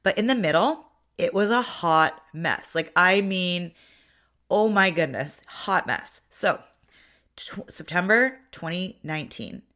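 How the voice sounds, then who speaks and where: A woman's voice: on the low side, animated, slow, a bit bright. A middle-aged woman from Ontario, hosting her own podcast in a chatty, reflective monologue full of restarts. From Ontario, Canada. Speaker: podcast host.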